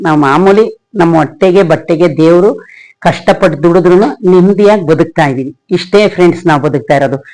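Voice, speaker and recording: A woman vlogger with a lowish, slightly mellow voice tells a personal story in a rambling, emotional, reflective way, often addressing her viewers as friends. The recording quality is low.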